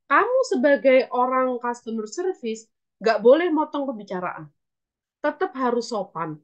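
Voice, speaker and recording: A woman lecturer teaches a class, switching between two languages and acting out sample phone calls. Her voice sits fairly high. The recording is dull and lo-fi. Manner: explains in a mix of English and Indonesian, acts out phone calls. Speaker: English lecturer.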